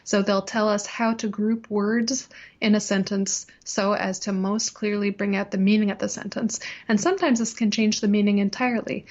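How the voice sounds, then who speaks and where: Woman cantor explaining stuff clearly, mid-pitched voice, kinda dull lo-fi sound. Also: flat delivery, normal speed, darkish tone. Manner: clear, teacherly, demonstrates chant by singing. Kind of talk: explanatory interview talk. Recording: slightly dull lo-fi audio.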